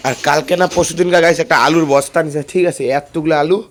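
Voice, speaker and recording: A young man chatting to viewers while filming a casual phone vlog at home and on local roads, slightly hoarse. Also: a little high, steady tone, fast talker, a little hiss or hum. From India. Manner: chatty, addresses viewers as "guys". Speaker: vlogger.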